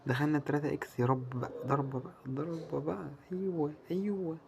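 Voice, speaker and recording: A man with an Egyptian Arabic accent giving live commentary as he plays a slot game, muttering and pleading with it and breaking into loud cheers. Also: a little high, steady tone, quick pace, vocal fry, noisy background. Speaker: gamer playing a slot game.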